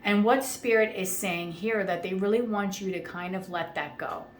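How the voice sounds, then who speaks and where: A woman's voice: mid-range voice, moderate pace. A woman reading tarot cards in a chatty, reassuring way, often checking in with the listener. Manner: chatty, reassuring, frequent "okay?" check-ins. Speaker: tarot reader. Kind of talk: casual tarot reading monologue. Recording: echoey room with faint ambient noise.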